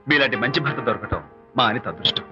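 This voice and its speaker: A man's voice: mid-range voice, lively intonation, a little fast, natural voice. An actor playing a charming, joking young man in a film scene, mixing English into Telugu. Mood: persuasive. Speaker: film hero. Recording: slightly dull film soundtrack with music.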